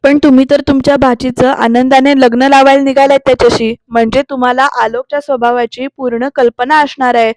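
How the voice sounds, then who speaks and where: A woman's voice: high-pitched, dry recording. A woman recapping a TV serial episode in a chatty way, addressing viewers directly with frequent tag fillers.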